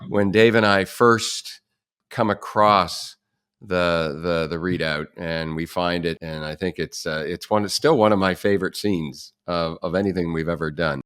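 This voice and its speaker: A man hosting a podcast, a filmmaker asking relaxed conversational questions. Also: deep voice, unhurried, clean tone, no echo, studio quality.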